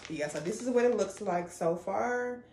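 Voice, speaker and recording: A woman's voice: mid-range voice, expressive, moderate pace, a little mellow, slight background noise. A woman doing a casual DIY how-to vlog, chatting and explaining each step while her voice echoes around a bare bedroom. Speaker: DIY vlogger. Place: bedroom with the bed moved away.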